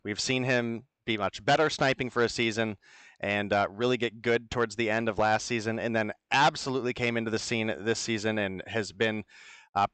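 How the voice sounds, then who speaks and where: A man casting an online esports tournament from home, with an energetic, blunt and opinionated way of talking. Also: mid-range voice, clean tone, no echo. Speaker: esports caster. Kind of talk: play-by-play commentary. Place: at home, remote over the internet.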